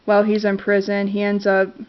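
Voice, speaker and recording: Brisk and completely flat, a woman's medium-pitched voice keeps a clean tone even though she's congested with a cold. She casually reviews movies she loves to camera, hesitant and full of fillers and restarts, over dull lo-fi sound.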